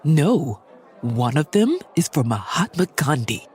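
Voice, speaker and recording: A husky, breathy-edged aunt figure with a voice that swoops widely between high and low. She is sly and brisk, handing out instructions in a dry, matter-of-fact way in an audio drama. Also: very animated, a little mellow, soft background music, exaggerated voice. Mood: deadpan. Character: sly, brisk middle-aged aunt who sneaks up. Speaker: mentor aunt.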